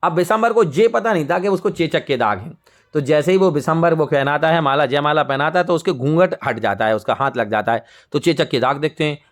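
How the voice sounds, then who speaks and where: A young adult male teacher retells a textbook story to students. His voice sits a little high for a man, and he talks in a lively, chatty way, slipping into the characters as he goes. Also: brisk. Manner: lively, conversational, acts out characters. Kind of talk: storytelling lesson summary.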